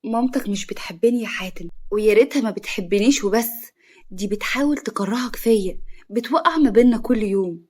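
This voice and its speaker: A crafty young bride in an Egyptian family drama, speaking coyly and quickly, put on by a female narrator. Her voice sits at an ordinary pitch, pouting and sulky. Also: expressive, mellow. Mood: tearful.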